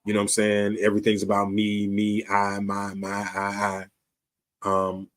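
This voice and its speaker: A man's voice: lowish voice, monotone, normal speed. A man, hosting his show in a casual, streetwise talk straight to the camera, often checking in with "you dig". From Chicago, USA. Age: 50s. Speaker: show host.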